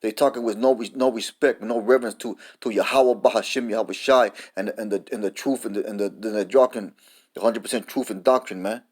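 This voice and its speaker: A man's voice: on the low side, steady tone, a little fast. Man giving a cursing street-style sermon. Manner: profane, repetitive, says "man" often; reads scripture and definitions aloud. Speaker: preacher. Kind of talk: informal sermon.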